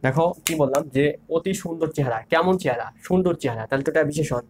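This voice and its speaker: A man's voice: on the high side, fairly quick, a little mellow, a little hiss or hum. A young man teaching an online grammar lesson, repeating key terms and asking and answering his own questions. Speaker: grammar instructor.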